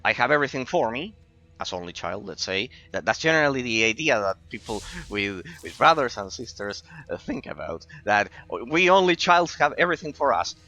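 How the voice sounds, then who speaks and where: Streaming a game live, an Argentine man in his late twenties, whose first language is Spanish, rambles casually to his viewers and repeats phrases for emphasis. His mid-range voice is bright and forceful.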